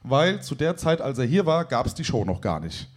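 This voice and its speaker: A DJ stream show host chats casually with his guests in an interview, constantly tagging his sentences with "ne?". His medium-pitched voice swings widely in pitch at a moderate pace.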